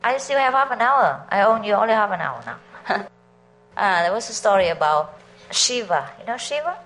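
Her voice mid-range, sing-song and a bit bright, a middle-aged Vietnamese spiritual teacher speaks at normal speed while telling stories to a meditation group. She's chatty, laughs a lot and asks her listeners questions; the audio is poor, with slight background noise.

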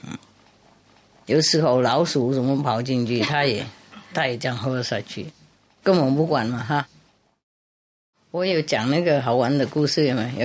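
A woman Buddhist master telling a humorous story in a chatty way, laughing and repeating herself. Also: extremely low pitch.

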